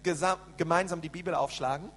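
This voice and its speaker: A man hosting and interpreting a church sermon live, animated, with frequent fillers and restarts. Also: on the high side, fast. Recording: echoey church hall with hum.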